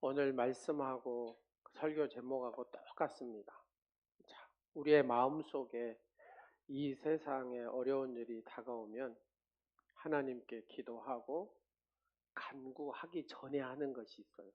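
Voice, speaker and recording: A male pastor delivering a sermon in a mid-range voice, caught on a slightly dull, muffled recording. He throws questions at the congregation, booms on key lines, then drops to near-whispers. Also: measured pace. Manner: lively, swings from loud exclamations to hushed asides, calls out to the congregation.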